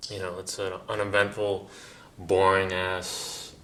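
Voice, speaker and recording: A man's voice: deep voice, completely flat delivery, takes it slowly, pushed and bright, a little hiss or hum. A man from Massachusetts giving a blunt, casual interview answer.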